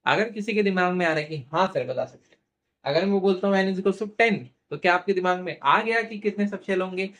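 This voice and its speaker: A man teaching chemistry in a classroom-style lecture, asking questions and answering them himself, slowing down to spell out formulas, and gently teasing his students. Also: high voice. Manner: asks questions and answers them himself, repeats key terms; playfully teasing toward students.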